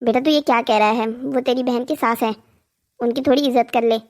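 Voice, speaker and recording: A performer voicing a gentle worried mother, soft and pleading, cartoon story. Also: a little high, fairly even intonation, a little fast, natural voice.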